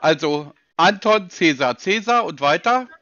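A man's voice: on the high side, lively intonation, unhurried, pushed and bright, muffled recording. A man on a call, answering with dry, skeptical, needling questions. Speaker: call recipient.

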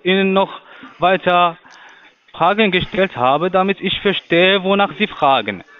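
A call center agent speaks in a high voice, his phrasing halting and long-winded. His voice comes through a thin, tinny phone line. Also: animated, clear, resonant tone. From Portugal. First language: Portuguese.

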